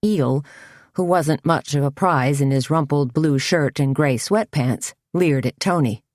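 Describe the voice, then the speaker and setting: Low-voiced woman narrating an audiobook. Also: no echo, studio quality. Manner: measured, even storytelling.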